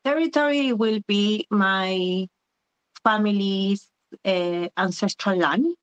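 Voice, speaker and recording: In a dull, lo-fi recording, an Argentine woman who organizes in her community talks as an interview guest. Her mid-range voice is smooth and slow, and she reflects and gropes for ideas with many "eh" fillers.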